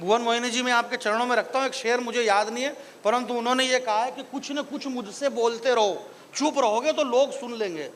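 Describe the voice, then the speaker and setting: Man, stage comic poet; very high, bright voice; chatty crowd banter that rises into recitation. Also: a little fast, a little hiss or hum. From Marwar, Rajasthan. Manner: jokey banter with the audience, rising into declaiming verse. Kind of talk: live stand-up poetry recital. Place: live stage event before an audience.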